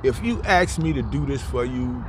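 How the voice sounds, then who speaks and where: A man's voice: medium pitch, lively intonation, moderate pace. A middle-aged man, interviewed outdoors in a city park and telling his story in a heartfelt, stumbling, repetitive way. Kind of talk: candid street interview. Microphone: phone camera held close. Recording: outdoor street noise, traffic.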